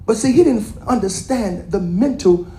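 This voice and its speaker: A woman preaching a sermon, teasing and calling out to the congregation, swinging between shouted lines and quiet asides. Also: mid-range voice, normal speed, echoey room. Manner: lively, calls out and teases the congregation.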